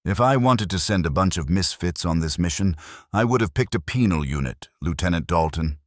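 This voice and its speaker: A man voicing a cold, stern army captain with a faint German accent, clipped and commanding, in a dark fantasy audio story. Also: sits low, animated, normal speed, no echo, studio quality, voice pushed up.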